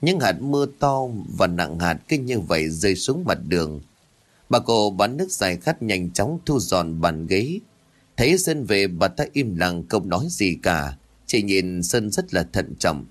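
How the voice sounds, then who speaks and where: A man's voice: deep voice, very animated, measured pace. A man narrating a ghost story in a dramatic, suspenseful way.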